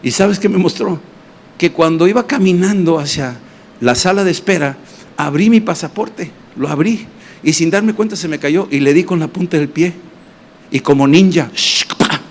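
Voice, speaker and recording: A man, a pastor, preaching a sermon and telling personal testimonies in an animated way with acted voices and sound effects. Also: a little high, normal speed, slight background noise. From Mexico. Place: church congress hall.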